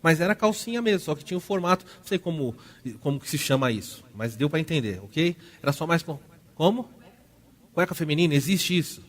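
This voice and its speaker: A man in his thirties preaching a sermon as pastor, with a Brazilian Portuguese accent, who acts out family scenes and moves between loud and soft. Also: on the high side, animated, fairly quick. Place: church.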